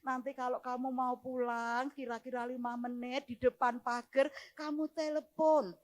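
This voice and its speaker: A worried grown son gives his mother careful instructions, as a Javanese woman preacher retells him in her own voice. The voice stays high and gentle. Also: little pitch movement, normal speed, lightly acted. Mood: caring.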